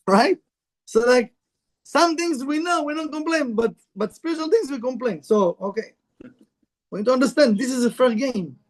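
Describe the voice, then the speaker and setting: High-pitched with a darkish tone, a male Kabbalah teacher talks in broken English during a casual spiritual lecture before a live audience. His manner is conversational, and he puts questions to the room.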